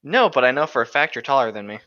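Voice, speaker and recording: Speaking fast with a sharp, animated, medium-pitched voice, this young co-host reads from a book and riffs on it in sarcastic, profane banter. The casual chat is captured on a lo-fi home microphone.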